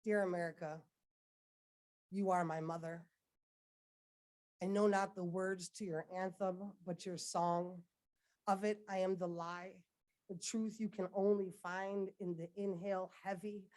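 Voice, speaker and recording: A woman performing a spoken-word poem at a ceremony, with an intense, measured delivery. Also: lowish voice, little pitch movement, a little mellow. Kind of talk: spoken-word poetry recital. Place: dedication ceremony, indoors.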